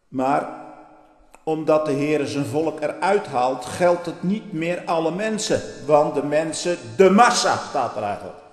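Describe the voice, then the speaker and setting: A man preaching a church sermon, stressing key phrases by repeating them and swelling to loud exhortations before dropping low again. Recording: echoey church hall with long reverb.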